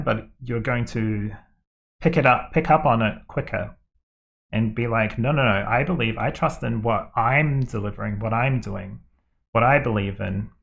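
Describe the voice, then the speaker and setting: A man's voice: on the low side, fairly bright tone. A man giving a tarot reading, talking in a rambling, hesitant way with many fillers and restarts. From New Zealand. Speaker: tarot card reader.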